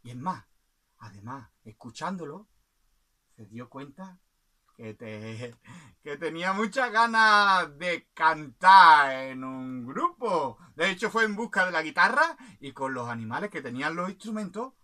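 A man with a Spanish accent telling an animated children's story, playfully imitating animal sounds and laughing along. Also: fairly high pitch, unhurried.

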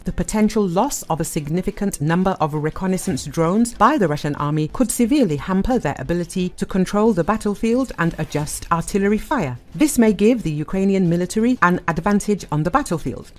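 Woman reading war news voice-over. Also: mid-range voice. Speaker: news narrator. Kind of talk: scripted news narration.

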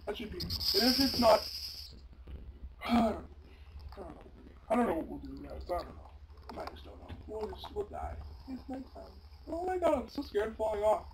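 A woman giving casual, chatty gameplay commentary, breaking into sudden loud exclamations. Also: medium pitch. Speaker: gameplay video maker. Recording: loud background noise.

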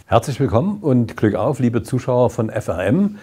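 Older man, mellow husky voice, formal. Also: medium pitch, very animated, normal speed. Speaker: school principal. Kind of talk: welcoming, explanatory address to camera. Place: classroom. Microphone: lapel mic.

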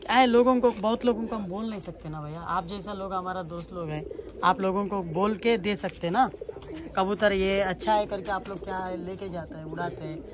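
A man's voice: high voice, brisk, noisy background. A man casually walking visitors around his outdoor pigeon loft and explaining his birds. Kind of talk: casual vlog walkthrough. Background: pigeons cooing.

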